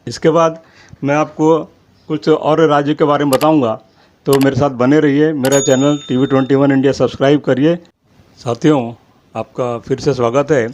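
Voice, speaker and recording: A man reads out long lists of names at a steady, deliberate pace, the way a host of his own channel does. His voice sits at an ordinary mid pitch, and he sounds apologetic about his pronunciation. The recording is a little dull and lo-fi. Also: a little hiss or hum. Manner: steady list-reading. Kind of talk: reading out a list of names. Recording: slightly dull lo-fi audio.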